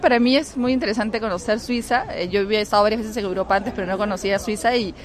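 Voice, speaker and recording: A woman's voice: mid-range voice, fast. A woman from Peru with a Peruvian Spanish accent, an artist answering thoughtfully with many hesitations. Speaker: artist fellow. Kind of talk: interview answers. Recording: clear music behind.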